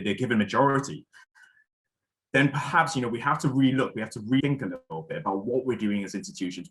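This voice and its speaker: A man's voice: lowish voice, fairly bright tone, poor audio. Man from Malaysia chairing a symposium. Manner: thoughtful, frequent fillers and restarts. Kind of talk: spoken conference introduction.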